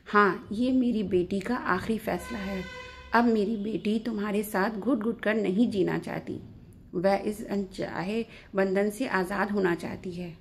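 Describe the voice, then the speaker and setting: A woman's voice: mid-range voice, fairly even intonation, unhurried, vocal fry, slight background noise. Middle-aged mother, read by a woman; soothing, firm, protective.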